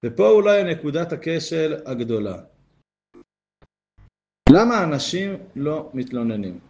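A man with a somewhat high voice teaches a Torah lesson. He reads passages and explains them earnestly. His pitch climbs whenever he drives a point home. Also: big pitch swings, a little mellow, faint music behind. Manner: earnest, rises in pitch to stress key points.

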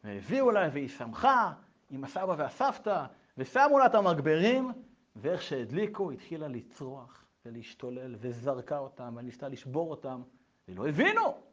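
A man telling a story expressively, acting out voices and swinging between loud and hushed. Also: on the high side, big pitch swings, highs cut off. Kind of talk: animated spoken storytelling.

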